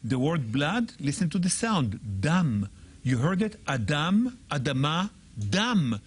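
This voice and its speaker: Husky-voiced man, lively pitch, emphatic guest teacher who sounds words out. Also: slow pace. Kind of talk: animated teaching in a TV talk show.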